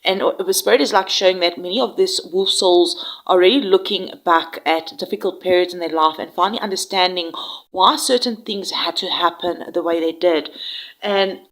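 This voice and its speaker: A tarot reader with a cold gives a soft, soothing spiritual reading, slightly nasal and full of fillers. Her voice is on the low side, at a moderate pace.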